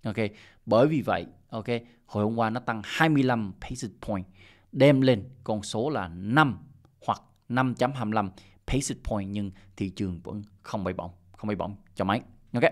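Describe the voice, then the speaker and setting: A man's voice: fairly low pitch, normal speed. A middle-aged man hosting a crypto channel, walking through his screen in loose, casual commentary, with lots of "ok" fillers and restarts. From Vietnam. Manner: loose and repetitive, peppered with "ok" and "à" fillers.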